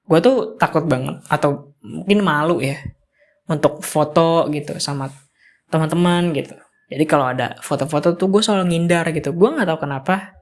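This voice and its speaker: A man's voice: fairly high pitch, moderate pace. A young man of twenty speaks in a reflective vlog monologue. He rambles earnestly and keeps reaching for filler words as he talks. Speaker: vlogger.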